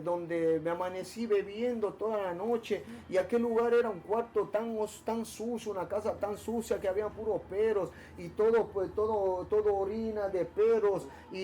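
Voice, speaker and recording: A man giving an earnest personal testimony to a pastor, halting, with many repeated words and restarts. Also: high voice, steady tone, mellow, a little hiss or hum. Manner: earnest, emotional storytelling. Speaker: church member giving testimony.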